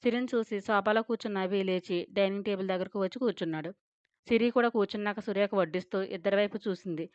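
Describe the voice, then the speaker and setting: A woman's voice: medium pitch, quick pace, a little mellow, no echo. Woman storyteller, dry dull recording. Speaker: storyteller, channel host. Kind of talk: scripted audio-story narration.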